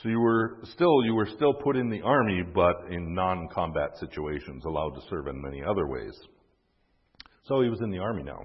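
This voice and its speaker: A man's voice: deep voice, expressive, brisk, breathy edge. A man narrating history in a casual way, with fillers and self-deprecating asides. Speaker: history storyteller. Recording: dull, echoey recording.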